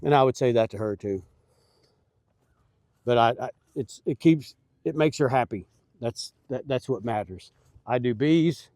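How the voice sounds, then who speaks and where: Middle-aged man, beekeeper, folksy and earnest, mellow tone, dry close sound. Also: mid-range voice, unhurried, pauses often, no echo. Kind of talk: casual vlog talk. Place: outdoors at beehives.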